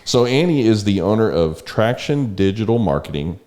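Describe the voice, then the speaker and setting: A man's voice: on the low side, sing-song, moderate pace, darkish tone, a little hiss or hum. A man hosting a podcast, opening the show and introducing his guest in an upbeat, friendly way. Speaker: podcast host. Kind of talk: casual podcast interview.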